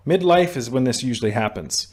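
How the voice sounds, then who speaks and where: With an animated, brisk and slightly mellow mid-range voice, a young man talks to his camera mic about staying sober. This sobriety vlogger's self-help talk is blunt and preachy, with frequent restarts and the odd swear word.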